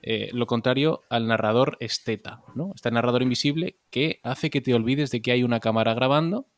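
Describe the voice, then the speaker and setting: A man's voice: mid-range voice, moderate pace, dry recording. A man hosting a film podcast, analytical and explaining ideas and posing questions to his panel. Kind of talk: casual film discussion.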